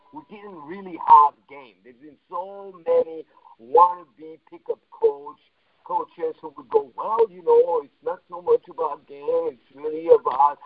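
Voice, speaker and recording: A man coaches on a conference call in a motivational teaching monologue, blunt and emphatic. His voice sits high with vocal fry and sounds muffled, like a phone line heard through a wall.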